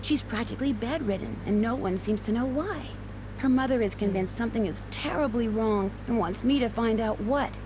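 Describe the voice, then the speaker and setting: An actress voicing a young woman detective in a video game, earnest and brisk. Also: on the high side, background noise, lightly acted. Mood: chatty. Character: young woman amateur detective, curious and plucky.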